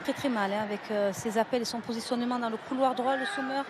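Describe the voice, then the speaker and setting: A woman's voice: on the high side, fairly even intonation, quick pace. A woman co-commentating live football with admiring technical analysis, often adding a short tag at the end of phrases. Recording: clearly audible stadium noise.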